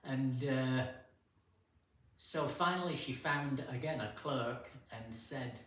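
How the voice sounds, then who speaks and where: An older man tells his stories slowly, in a casual and unhurried way, stopping often for fillers. He sounds far from the mic, in a very echoey hall with a faint hiss behind him. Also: mid-range voice, a bit bright. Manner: unhurried, anecdotal, with pauses and fillers. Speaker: guest speaker at a men's fellowship. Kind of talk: casual storytelling talk. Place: church hall.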